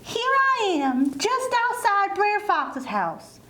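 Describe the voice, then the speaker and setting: A clever little rabbit puppet played by a woman, with a very high voice and slow, careful phrasing. He sounds folksy and cheeky, in children's puppet show style. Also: big pitch swings, roomy sound, noisy background, exaggerated voice. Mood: wary.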